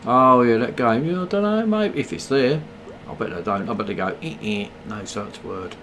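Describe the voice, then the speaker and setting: A man's voice: mid-range voice, big pitch swings, fairly quick, noisy background. A tired man, mocking the ads he watches during a late game stream. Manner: sarcastic, mocking. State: tired, yawning. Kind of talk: casual live-stream commentary on ads.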